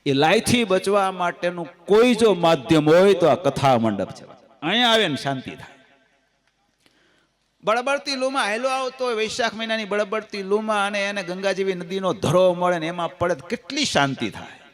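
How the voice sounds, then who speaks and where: A man with a Gujarati accent giving a devotional scripture discourse, telling stories and folk anecdotes in a lively, sing-song way. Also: high-pitched, moderate pace. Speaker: katha storyteller.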